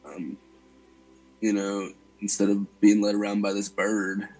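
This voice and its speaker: Guy playing a super chill dude, husky, drawls really slow. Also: fairly low pitch, soft background music, poor audio. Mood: laid-back. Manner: drawling, relaxed, says man a lot. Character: laid-back young adult man, easygoing dude.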